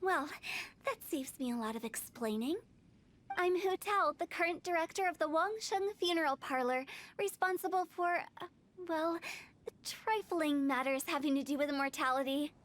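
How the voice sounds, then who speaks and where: A woman's voice: sits high, normal speed, a bit bright. An actress voicing Hu Tao, a young female funeral parlor director who teases playfully and jokes breezily about death, in a game cutscene. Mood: breezy.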